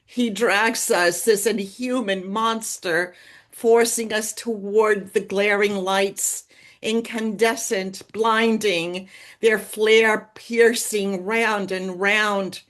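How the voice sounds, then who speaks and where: Brief: woman poet, slow and solemn dramatic recitation, mid-range voice. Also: medium pitch, steady tone, fairly bright tone. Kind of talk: poetry reading. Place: arts center.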